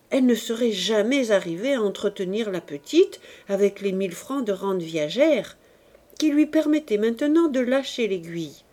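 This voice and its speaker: A woman reading a classic novel aloud as an audiobook narrator, with expressive, measured delivery. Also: mid-range voice. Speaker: audiobook reader.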